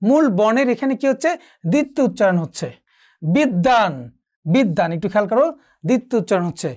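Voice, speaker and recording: A teacher talks students through pronunciation rules in an exam-prep lesson. He poses a question, answers it himself and repeats it for emphasis. His voice sits fairly high for a man. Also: expressive, racing, darkish tone. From Bangladesh.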